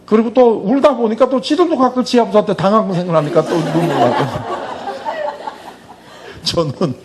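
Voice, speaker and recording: A man's voice: on the high side, breathy edge. A middle-aged man telling a story in a church talk, acting out the dialogue as he goes. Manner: animated storyteller, acts out quoted dialogue. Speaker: speaker at a church Bible school.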